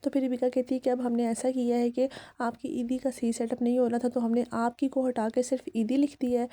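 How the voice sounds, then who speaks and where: Woman narrator, casual vlog recap, retells scenes and quotes the people in them. Dark, mellow tone, fairly high but held close to one pitch, very dry close sound. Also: no room sound. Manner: chatty retelling with quoted dialogue.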